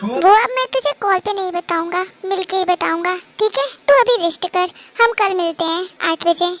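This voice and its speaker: A woman's voice: extremely high pitch, normal speed, a bit bright. A woman voicing an easygoing young best friend who talks casually and reassures in a fan-dub audio drama. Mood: reassuring.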